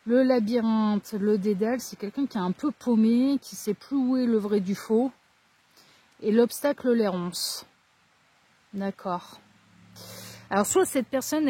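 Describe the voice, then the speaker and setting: A woman's voice: a little high, dark tone, husky, no room sound. A woman reading tarot cards in French, who talks casually and rambles into asides with many fillers. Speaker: tarot card reader. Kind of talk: casual card-reading monologue.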